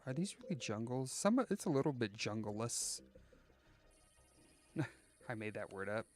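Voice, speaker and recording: A man's voice: mid-range voice, sing-song, measured pace. A man chatting casually while live-streaming a game, rambling and joking as he thinks aloud, often restarting his sentences.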